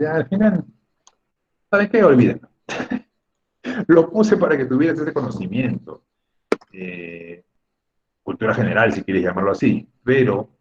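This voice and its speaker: A man's voice: fairly low pitch, darkish tone, slightly rough, highs cut off. A man teaching a spelling lesson in an online class, chatty and joking with his students over a computer mic.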